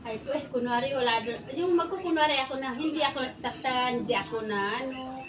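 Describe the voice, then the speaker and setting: A middle-aged woman with a high voice tells a story from her past in easy chat. She acts out what everyone said, keeps bursting into laughter, and sounds roomy and a little distant from the mic. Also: fast talker, a crowd in the background. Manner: animated storytelling, acting out quoted exchanges, laughing often. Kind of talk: casual chat.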